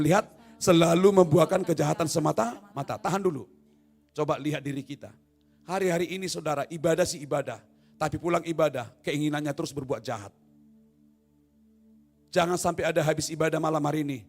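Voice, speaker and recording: High-voiced lively male preacher. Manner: lively preaching, swings from soft to shouting, teasing jokes. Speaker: pastor. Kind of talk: sermon. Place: church hall. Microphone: no mic at times.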